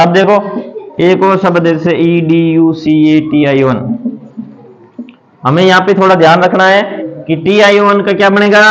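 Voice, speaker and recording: A man with a fairly high voice teaches phonics patiently, asking the same question again and again and answering it himself as he writes examples on a board. The recording sounds dull and lo-fi. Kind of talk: classroom lesson on English phonics.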